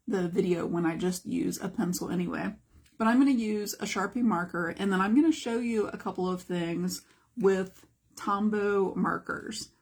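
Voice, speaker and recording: A woman's voice: mid-range voice, a little mellow. A middle-aged woman art teacher giving a chatty live-streamed lesson and greeting viewers as she goes.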